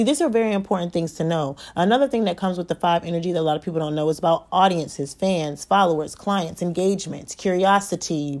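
A woman hosting a solo podcast from home, talking fast and rambling, swearing often and correcting herself as she goes. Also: lowish voice, darkish tone. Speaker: podcast host. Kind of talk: solo spiritual podcast monologue. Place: home at night, child asleep nearby.

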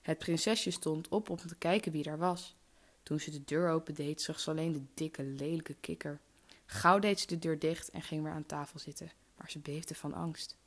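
Casting: low-voiced woman, measured fairy-tale storyteller. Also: fairly even intonation. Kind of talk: reading a fairy tale aloud.

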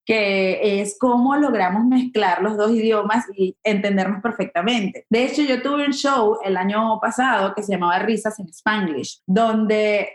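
A young woman comedian chatting casually in an interview, animated and full of filler words. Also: mid-range voice, measured pace, few pauses, echoey room.

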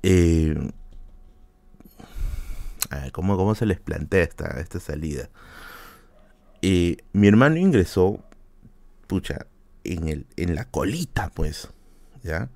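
A young man, hosting a podcast and telling a family story in a casual, animated way, often repeating himself and jumping up in pitch when he quotes people. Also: slow, gravelly, pauses often, no echo. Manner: animated, jumps high when quoting people, repeats words, laughs often. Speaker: podcast host.

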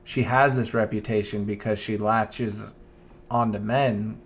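A young man co-hosting a podcast in casual chat, thoughtful and earnest, often restarting and letting phrases trail off softly. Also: fairly low pitch, steady tone, a little slow. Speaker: podcast co-host.

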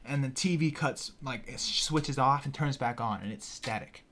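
A man's voice: medium pitch, normal speed, slight background noise. A young man, a podcast guest, telling a story in casual chat, swearing freely and acting out the people in it. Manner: animated, profane, acts out voices in his story.

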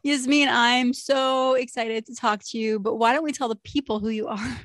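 A woman's voice: a little high, fairly even intonation, moderate pace, fairly bright tone, no echo, clean studio sound. A woman hosting a casual podcast interview, bubbly and enthusiastic, laughing often. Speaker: podcast host.

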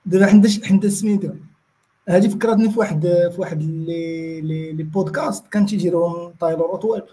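High-pitched, very fast-talking Moroccan man. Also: warm tone, rough recording. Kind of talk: casual panel discussion.

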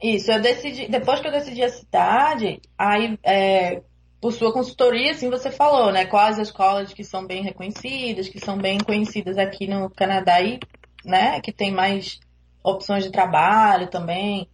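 Over a remote call, a young woman from Recife chats casually as an interview guest, her Pernambuco Brazilian Portuguese accent clear. Her pitch is medium and her pace moderate; she comes across as hesitant and quick to laugh.

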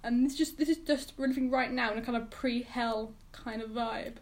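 Young girl, high voice, giggly and jokey, just chatting with a friend. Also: fairly even intonation, moderate pace, a little hiss or hum. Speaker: podcast co-host. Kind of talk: casual chat.

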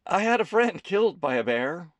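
A man voicing a gentle, shy young man who talks haltingly. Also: high-pitched, very animated, no room sound, pitched above the performer's own voice. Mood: sober. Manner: hesitant, halting.

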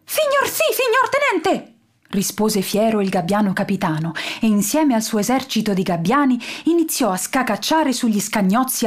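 A woman narrating a children's story in a lively, rhyming read-aloud. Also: on the high side.

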